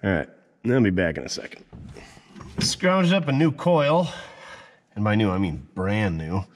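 A mechanic and channel host with a lowish, very animated voice narrates his own car repair in a garage at an unhurried pace. Casual and first-person, he jokes, mocks himself, and mutters as he works.

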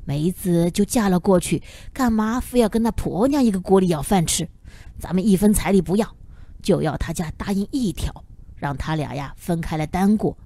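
A woman voicing an elderly village grandmother who talks in a calm, practical, gently scolding way in an audiobook. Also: on the low side, moderate pace. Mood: calm advising.

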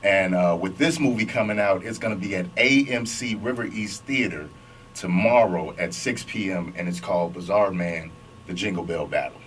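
A man talks easily as a radio guest, his voice low yet bright. He keeps saying yeah as he goes. He sounds distant from the camera, with faint background noise. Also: normal speed. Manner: easygoing, affirming with repeated yeahs. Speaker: comedian and animator guest. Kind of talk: casual radio interview. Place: radio studio.

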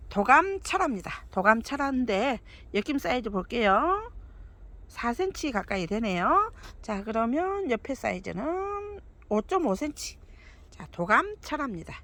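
Brief: woman, somewhat high and very lively voice, cheerful seller fussing over each plant and listing prices. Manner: chatty, doting, calls plants "아이"; counts off lot numbers and prices. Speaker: succulent seller. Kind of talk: live sales presentation.

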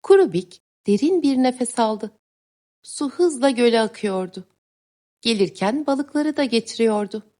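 A woman teacher reading a story aloud to young pupils in a clear, expressive way. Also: on the high side, unhurried. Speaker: teacher reading a listening text. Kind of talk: children's story narration.

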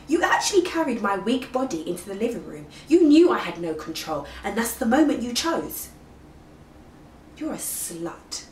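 A woman's voice: sits high, fairly bright tone, heavily acted. An actress as a bitter, betrayed young woman. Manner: accusing, bitter, sarcastic questions. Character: betrayed young woman confronting her best friend, bitter and wounded. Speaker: actress performing a monologue. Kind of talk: dramatic stage monologue. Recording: roomy, distant mic, faint ambience.

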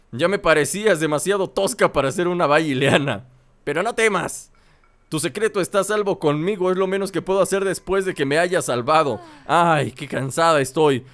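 A man's voice: fairly high pitch, a bit bright. A young man commenting playfully on a video game and reading its dialogue aloud. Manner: jokey, reads game lines in put-on voices. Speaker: gaming youtuber. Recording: voice over faint game music.

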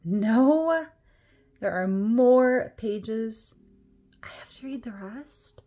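Reading a picture book to children, this storyteller uses a slightly high, expressive voice with a dark tone. Her delivery is theatrical and playful, full of mock dismay, stretched-out words, and dramatic whispers.

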